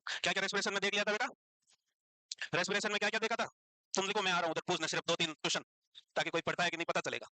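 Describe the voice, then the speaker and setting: A man's voice: sits high, flat delivery, rapid-fire, long pauses, bright, forceful tone, no room sound, rough recording. A male teacher, lecturing a class and teasing and scolding students as he quizzes them.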